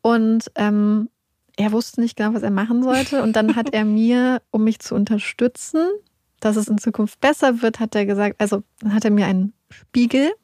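Woman co-host, animated self-mocking storyteller, slightly high voice, dry close sound. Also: moderate pace, no room sound. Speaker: podcast co-host. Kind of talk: casual podcast chat.

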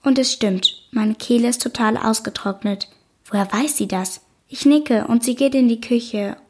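Breathy woman narrating an audiobook. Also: on the high side. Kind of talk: first-person audiobook narration.

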